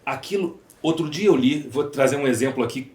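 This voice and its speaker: Expressive and brisk, this Brazilian guest speaks in a medium-pitched, slightly mellow voice. He drives his points home emphatically through lists and rhetorical questions in an interview monologue, recorded in an echoey room with faint noise.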